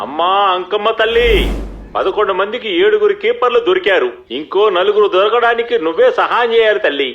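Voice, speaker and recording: A man pleads in prayer on a TV clip, played by an actor. His voice is high for a man and sounds dull and muffled, with guitar music behind it. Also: a little fast, natural voice. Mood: pleading. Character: man praying aloud on a TV clip.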